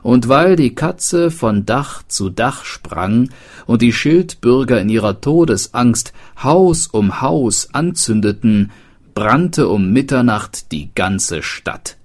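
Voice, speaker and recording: A man reading a storybook aloud, with slow, expressive narration. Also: mid-range voice.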